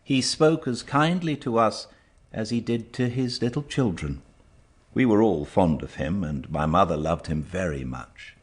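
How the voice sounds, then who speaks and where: Deep voiced guy reading a storybook slowly, lots of up and down, bit husky. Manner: measured, expressive storytelling. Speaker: audiobook narrator. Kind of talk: expressive scripted storybook narration.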